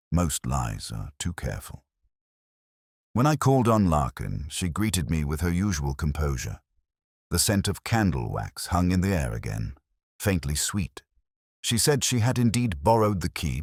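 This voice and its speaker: In scripted audio mystery narration, a man plays a melancholy, literary police detective who recounts a case in a measured, solemn and reflective manner. His extremely low, slightly mellow voice is heavily acted. The recording is dry and studio quality.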